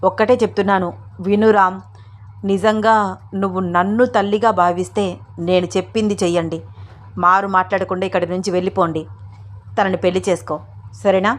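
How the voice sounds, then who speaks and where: A woman's voice: medium pitch, fairly even intonation, fairly quick, pauses often, close to an everyday voice. A stern, grieving older mother who speaks with firm command, as a woman narrator puts her on. Her tone is grave and leaves no room for argument. This is a storybook reading.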